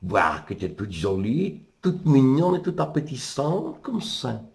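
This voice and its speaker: A man with a Brussels accent voicing a sly wolf disguised as a grandmother in a told story, in a gravelly voice. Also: medium pitch, wildly swooping pitch, slow, darkish tone, voice pushed up, heavily acted. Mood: sly, coaxing.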